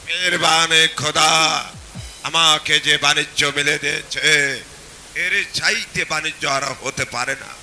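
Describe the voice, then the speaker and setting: A commanding merchant husband in a jatra folk play. He declaims in a booming, very bright and forceful voice, pitched fairly high. He sounds pious and quick-tempered, over a faint hiss. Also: steady tone. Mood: solemn, proclaiming. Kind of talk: declaimed Bengali jatra folk theatre acting. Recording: hissy, noisy stage drama recording.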